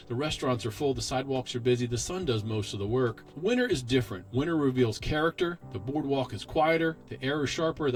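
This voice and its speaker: A man with a mid-pitched voice narrates a scripted local promo. He speaks in short, measured phrases and leaves dramatic pauses between them. Light music plays behind him. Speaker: local video host and narrator. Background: background music.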